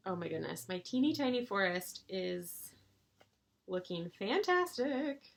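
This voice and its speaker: A woman chatting casually to her viewers about her stitching, gushing with excitable bursts and rambling restarts. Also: medium pitch, a little slow, gravelly. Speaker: cross-stitch vlogger.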